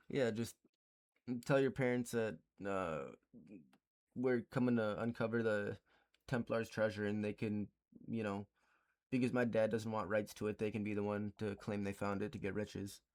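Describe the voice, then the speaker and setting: A man's voice: fairly low pitch, little pitch movement, darkish tone. Young man hosting a rambling livestream chat. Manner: joking, rambling, quick laughs. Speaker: podcast host.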